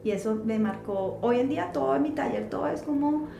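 A woman guest in a casual interview, telling personal stories in an animated way and often acting out what others said. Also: high voice, a little fast, gravelly. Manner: animated storyteller, quotes others in voices. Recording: echoey room with faint background noise.

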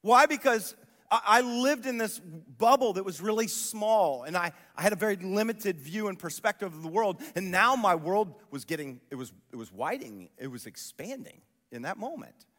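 Male pastor, forties, high-pitched, animated storyteller with plenty of rhetorical questions; live sermon in a hall with long reverb. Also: normal speed. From Columbus, Ohio.

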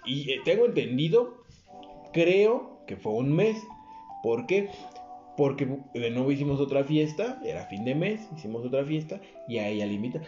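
A young Mexican-accented man, co-hosting a podcast, tells an anecdote in a casual chat, full of crude language and slang, acting out other people's voices. His medium-pitched voice is sing-song and a little mellow at a normal speed, captured in roomy, dull lo-fi audio with faint music behind it.

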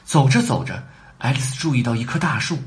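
A man reading a children's story aloud in an animated way, talking to the children between lines. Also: mid-range voice, fairly quick.

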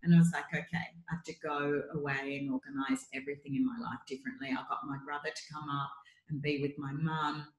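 Woman, middle-aged, lowish voice, earnest, chatty, echoey room. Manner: earnest, chatty, many fillers. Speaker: guest, horse coach. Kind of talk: casual interview storytelling.

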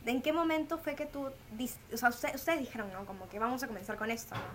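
Excitable squeaky-voiced woman podcast host. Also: quick pace. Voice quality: squirrel-like squeaky voice. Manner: informal, excitable, laughs often. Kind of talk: casual chat. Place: outdoor home terrace. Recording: noisy outdoor terrace ambience.

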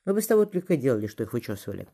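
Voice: mid-range voice, sing-song, rapid-fire, dark tone. An audiobook reader voicing Marfa, an affectionate, chatty grown woman who speaks tenderly. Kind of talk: audiobook character reading.

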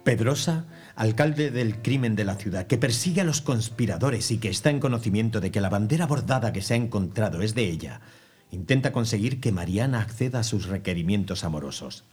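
A man reads the scripted narration between scenes. His voice is low and a bit husky, and his delivery is measured and explanatory. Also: lively intonation, darkish tone, faint music behind.

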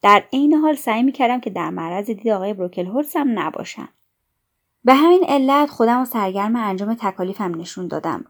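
A woman reads a novel aloud in the first person, keeping a calm and steady storytelling pace. Her voice sits at a middling pitch for a woman. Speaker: audiobook narrator.

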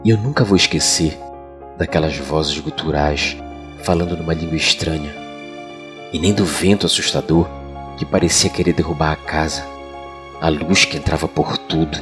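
Deep, sultry Brazilian male storyteller over music. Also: fairly even intonation. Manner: sultry, deliberate storytelling delivery. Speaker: podcast storyteller and host. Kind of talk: dramatic scripted horror narration. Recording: music bed behind voice. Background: background music.

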